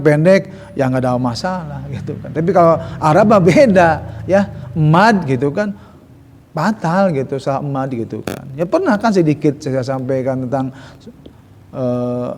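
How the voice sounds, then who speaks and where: A man teaching Quran recitation. He explains in slow, drawn-out speech, says "gitu kan" often, and sounds out verses syllable by syllable. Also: fairly high pitch, a little mellow. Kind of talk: tajwid lesson with recited examples. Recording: reverberant hall.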